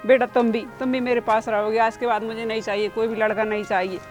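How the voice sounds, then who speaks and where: A woman's voice: fast, natural voice. Woman as a remorseful older mother-in-law. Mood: pleading. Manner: pleading, with flat pitch. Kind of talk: amateur short-film acting. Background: background music.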